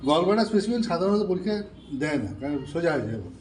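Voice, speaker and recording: Speaking fairly quickly, with a fairly high pitch and big swings in intonation, a man walks students through pathology specimens in a casual session. He goes step by step, frequently making sure they're keeping up, while a far-off mic picks up faint background noise.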